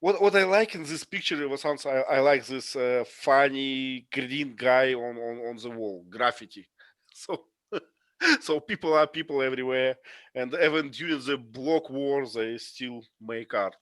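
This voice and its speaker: Man at mid pitch, running a class chat, hesitant phrasing, dry sound. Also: a bit bright, no echo. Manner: halting, searches for words. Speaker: discussion leader. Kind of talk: casual class discussion.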